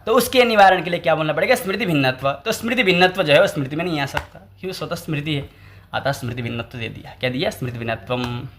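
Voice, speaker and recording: A man's voice: on the high side, lively intonation, fast, fairly bright tone, slight background noise. Man asking and answering his own questions. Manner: asks questions and answers them himself, repeating key terms. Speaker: Sanskrit teacher. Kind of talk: explanatory lecture.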